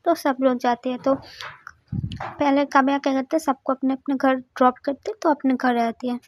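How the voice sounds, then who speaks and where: A young woman tells a story the way she would to friends, loose and chatty, full of little fillers. Her voice sits high. The recording is close and dry, with no room sound. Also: fairly even intonation, moderate pace, no echo. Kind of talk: casual spoken story retelling.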